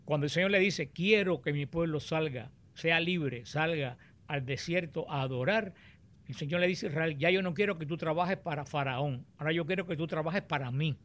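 A man teaching on the Bible, explaining and reading scripture aloud in a deliberate, explanatory way. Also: fairly high pitch, a bit bright.

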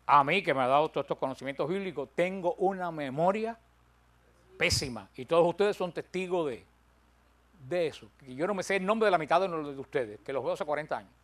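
Older man, Bible study teacher, fairly high voice, emphatic, jokes at his own expense. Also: lively intonation, brisk. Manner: humorous, self-deprecating storytelling; emphatic, counts points aloud.

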